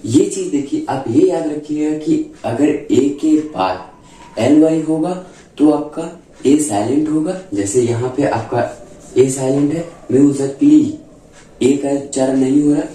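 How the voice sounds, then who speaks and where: A male teacher giving a classroom-style grammar lesson, repeating his points with frequent check-ins and slowing down to spell out letters. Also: mid-range voice, dark tone. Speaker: English teacher. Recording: echoey room, voice from a distance.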